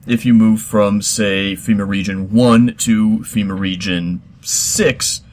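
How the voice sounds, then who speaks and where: Middle-aged guy host, low-ish voice, deadpan rambling comedy bit. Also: slow pace. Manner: deadpan, mock-serious, rambling with fillers.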